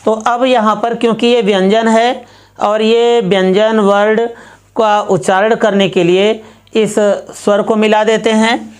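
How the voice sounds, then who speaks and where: A woman gives a Sanskrit grammar lesson at an unhurried, very slow pace, breaking every example into small steps. Her pitch sits in a middle range, and she keeps restating each point so it sinks in. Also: darkish tone, smooth. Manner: slow, methodical, repeats each step. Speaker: Sanskrit teacher.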